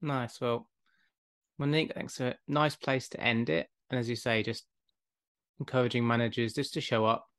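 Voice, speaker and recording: Flat-voiced male podcast host. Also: medium pitch, moderate pace, smooth. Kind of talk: interview conversation.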